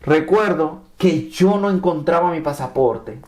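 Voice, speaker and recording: A man from Mexico who speaks Spanish as his first language, telling his immigration story in an animated testimony, often repeating and restarting his phrases. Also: a little high, unhurried. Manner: repeats and restarts phrases, acts out quoted dialogue.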